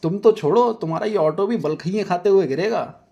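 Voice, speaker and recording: A man voicing a loud, rude and boastful woman who scolds and taunts everyone in a storybook tale. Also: fairly high pitch, animated, normal speed, dull audio, voice pushed up. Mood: scolding.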